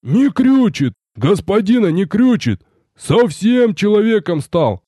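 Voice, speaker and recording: A man voicing a stocky, loud and folksy warrior servant who bellows with excitement. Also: fairly high pitch, unhurried, no echo, clean studio sound, voice pushed up. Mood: jubilant.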